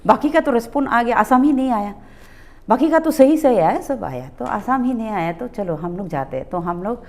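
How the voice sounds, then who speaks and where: A middle-aged woman from Arunachal Pradesh recounts events as a talk-show guest, her voice fairly high and swinging widely in pitch. She slips into the voices of the people she quotes and drops English words into her speech. Her pace stays conversational. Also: moderate pace. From Arunachal Pradesh, India. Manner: animated, acts out quoted exchanges, mixes in English words. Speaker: public health nursing officer, guest. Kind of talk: conversational storytelling.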